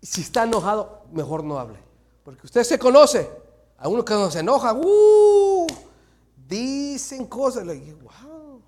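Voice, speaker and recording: A man preaching as pastor, swinging from loud exhortation to hushed, near-whispered asides and slipping English phrases into his talk. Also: high-pitched, sing-song, normal speed. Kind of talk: sermon.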